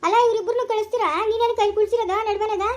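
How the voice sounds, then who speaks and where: Woman playing a sharp-tongued village woman. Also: extremely high pitch, steady tone, very fast. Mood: scolding. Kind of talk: rural family drama acting.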